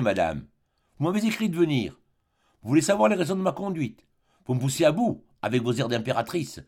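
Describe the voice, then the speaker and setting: A man's voice: mid-range voice, vocal fry. A man reading the part of a stout, pompous middle-aged bourgeois suitor, blustering and self-important, in a storybook reading. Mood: pleading.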